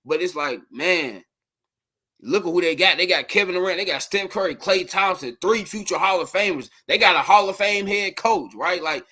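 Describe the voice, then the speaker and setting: A man hosting a casual late-night sports podcast livestream, rambling and animated, talking to his viewers. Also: high voice, normal speed.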